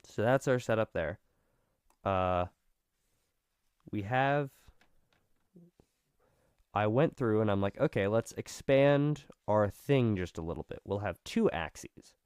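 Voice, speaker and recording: Man with vocal fry, low clear voice. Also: lively intonation, takes it slowly, long pauses, a little mellow, no echo, clean studio sound. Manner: rambling, self-correcting, self-deprecating. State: just recovered from being sick. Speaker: explainer. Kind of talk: casual, informal explanation at a drawn diagram.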